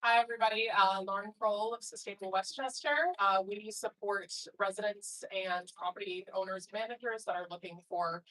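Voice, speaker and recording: A woman's voice: medium pitch, fairly even intonation, moderate pace, few pauses, a bit bright, poor audio. A woman giving a friendly, straightforward introduction of her nonprofit energy program at a meeting. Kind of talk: short self-introduction.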